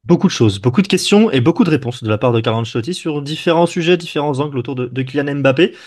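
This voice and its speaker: Fast-talking man reporting on football. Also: on the high side, animated, a little mellow. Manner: brisk, matter-of-fact reporting. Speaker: correspondent. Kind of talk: casual chat, sports reporting.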